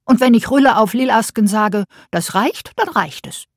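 A woman voicing a bossy, self-assured little girl in a storybook reading, with a husky voice. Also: on the high side, lively intonation, moderate pace, dry recording, studio quality, pitched above the performer's own voice. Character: bossy, confident little girl who settles everything.

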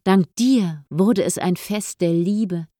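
A woman voicing an eager, adoring young man who is overjoyed to marry, speaking warmly and tenderly, in an audiobook. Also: fairly low pitch, takes it slowly, no room sound, studio quality. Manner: warm and tender.

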